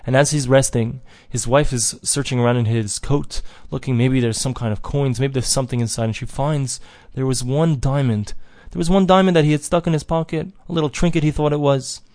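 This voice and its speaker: A man's voice: mid-range voice, a little mellow, dry recording, studio quality. A man telling a parable in a daily religious lesson, repeating and restarting phrases as he goes. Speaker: teacher of a daily Torah lesson. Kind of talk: parable storytelling.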